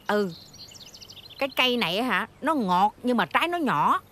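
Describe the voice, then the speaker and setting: An actress with a Southern Vietnamese accent playing a kindly, chatty middle-aged village aunt who tells stories animatedly. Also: female voice, fairly high pitch, sing-song, moderate pace, fairly bright tone. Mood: chatty warm.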